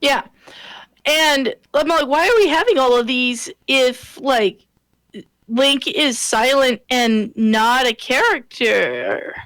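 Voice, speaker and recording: A woman's voice: high-pitched, slow, fairly bright tone, no room sound, low-quality recording. A woman co-hosting a casual gaming podcast, rambling with lots of fillers and restarts. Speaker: podcast co-host.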